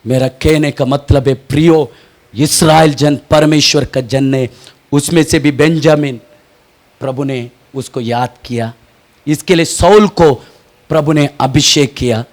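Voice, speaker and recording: A man preaching a fervent sermon as pastor, moving between shouted peaks and hushed asides, often asking questions and answering them himself. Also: on the high side, a little slow. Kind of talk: impassioned Hindi sermon.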